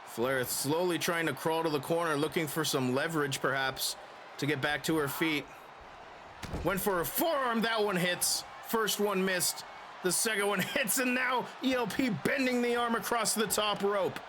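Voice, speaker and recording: A high-voiced man works as an excitable wrestling commentator. He calls the action play-by-play, pushing into shouts and drawn-out words for the big moves. There is clear noise behind his voice.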